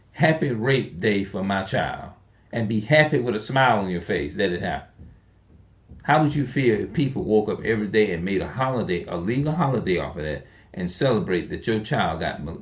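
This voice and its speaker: A man in his forties speaking in an unscripted monologue, emphatic and repetitive, often restarting his sentences and asking rhetorical questions. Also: fairly low pitch. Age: 40s. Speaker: online video speaker.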